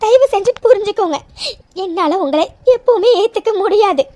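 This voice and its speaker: A performer voicing a hurt, crying young woman in a cartoon, pleading again and again in a very high voice. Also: expressive, normal speed, warm tone. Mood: firm, tearful. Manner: pleading, tearful, repeats herself. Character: hurt young woman rejecting her birth mother. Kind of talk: cartoon voice acting.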